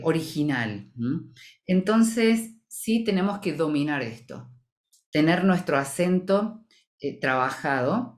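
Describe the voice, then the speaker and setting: A woman's voice: sits low, a little mellow. A woman from Argentina with a Rioplatense accent, a voice-over professional giving articulate, explanatory interview answers. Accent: Rioplatense Spanish. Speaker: voice-over professional, association president.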